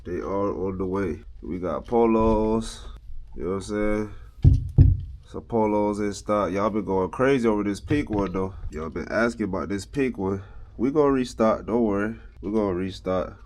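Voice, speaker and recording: Stuffed up nasal young guy from miami, lowish voice, chill slangy vlog talk from his home office. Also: normal speed, a little mellow. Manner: laid-back slangy hype talk with motivational asides. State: congested from a cold, nasal. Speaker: clothing brand co-owner. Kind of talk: casual vlog talk to camera.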